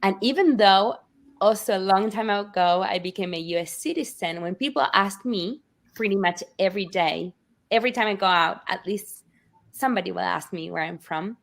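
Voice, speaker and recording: A woman from Argentina, a Spanish speaker, talking as a children's book author on a video call in a lively, storytelling way. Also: mid-range voice, moderate pace, vocal fry. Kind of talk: reading and interview chat.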